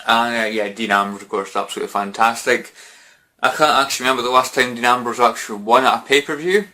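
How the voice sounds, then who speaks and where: A man's voice: medium pitch, steady tone, fast talker, sharp tone. A man giving casual wrestling predictions to camera, rambling with lots of fillers and restarts. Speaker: wrestling fan vlogger.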